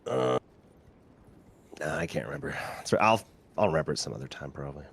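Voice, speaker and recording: A man's voice: rumbling low, big pitch swings, a little fast, gravelly, a little hiss or hum. A man with a Canadian accent chatting casually with friends on a stream, rambling and trailing off as he laughs. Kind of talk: casual chat.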